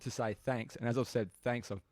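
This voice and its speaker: A man's voice: medium pitch, steady tone, brisk, darkish tone, dry recording, studio quality. A young Australian man telling a rambling, crude story in casual podcast chat, laughing as he goes.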